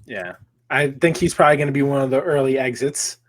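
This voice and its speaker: A man's voice: mid-range voice, brisk. Guy running a geeky podcast chat, teasing, moving things along. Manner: joking, leads the rundown. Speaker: podcast co-host. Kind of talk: casual chat.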